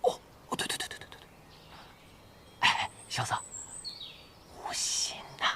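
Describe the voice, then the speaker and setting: An actor playing an eager, loud young male swordsman who blurts out his thoughts. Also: high-pitched, moderate pace, slight background noise. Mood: hushed. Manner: excitable, blurting. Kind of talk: period drama acting.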